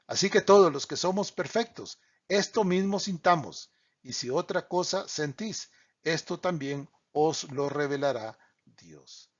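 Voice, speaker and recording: A man's voice: fairly high pitch, expressive, a little slow. A man teaching a Bible study, reading scripture passages aloud and explaining them, with small slips that he corrects as he goes. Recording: dull lo-fi recording.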